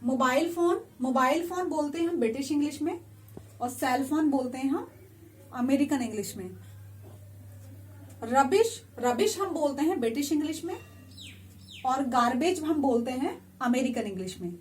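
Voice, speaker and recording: High-voiced woman teaching vocabulary. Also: expressive, a little hiss or hum. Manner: patient, repeats each word, slow careful English asides. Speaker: English teacher. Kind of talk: explaining vocabulary to viewers. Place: indoors beside a whiteboard.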